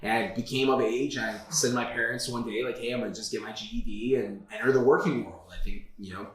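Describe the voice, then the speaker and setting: A fast-talking man in his thirties from South Florida, with a medium-pitched, steady voice, tells his career story as a guest in a casual interview. He's candid and fills his speech with "like" and "uh," recorded in an echoey office.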